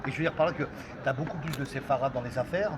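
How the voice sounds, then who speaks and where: A man's voice: medium pitch, quick pace. A man in a casual group debate at an outdoor café, insistently holding the floor to make his point. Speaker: discussion participant. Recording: loud street noise outdoors.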